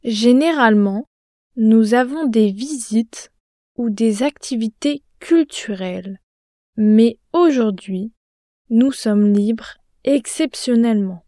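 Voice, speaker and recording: A woman playing a young student on a language stay, speaking slowly and carefully in a scripted lesson dialogue. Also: on the high side, mellow, no echo, clean studio sound. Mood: calm. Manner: slow, careful, clearly articulated.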